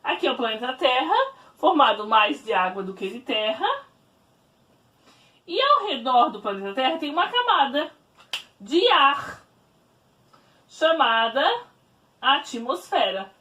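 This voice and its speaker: A woman teacher giving a recorded class from home, explaining slowly to children and often checking in with "né?". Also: high voice, very animated, far from the mic. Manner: warm didactic, explaining slowly to children with frequent "né?". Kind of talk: recorded remote class lesson. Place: at home, in her bedroom.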